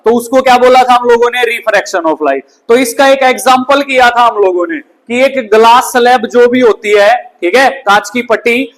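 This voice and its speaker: Male classroom science teacher with a very high voice, who quizzes the class and answers his own questions. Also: steady tone, normal speed, hardly any pauses, a bit bright, poor audio. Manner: asks the class questions and answers them himself; often ends lines with "bhai". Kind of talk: classroom physics lesson. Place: school classroom.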